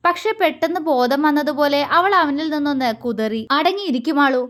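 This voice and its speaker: A woman reads a serialized romance novel aloud as the storyteller of her channel. Her voice sits high, and she narrates in a calm, even way. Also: a little fast.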